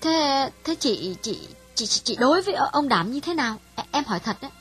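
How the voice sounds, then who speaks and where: Blunt gossipy young woman, husky, high-pitched, lively, audiobook dialogue. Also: a little fast, soft background music, full character voice. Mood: startled, prying. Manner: scolding, nosy questions. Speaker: audiobook voice actress.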